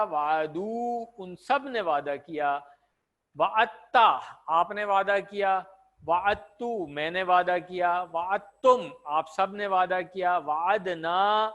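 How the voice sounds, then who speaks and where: A male teacher with a high-pitched voice gives an online class. He walks students through verb forms slowly and patiently, repeating each form with its meaning and checking often that they follow. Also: a bit bright. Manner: patient, repeats conjugations with translations. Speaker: Arabic grammar teacher.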